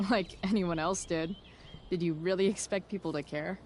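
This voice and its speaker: A woman voicing a sarcastic, rebellious teenage girl in a video game, dry and slangy with hesitant pauses. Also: on the low side, darkish tone, slight background noise, lightly acted. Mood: teasing. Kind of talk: naturalistic video game voice acting.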